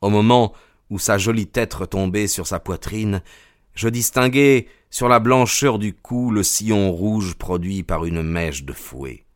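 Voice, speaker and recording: A man narrating an audiobook in a measured, dramatic storytelling manner. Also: on the low side, fairly even intonation, no echo, clean studio sound.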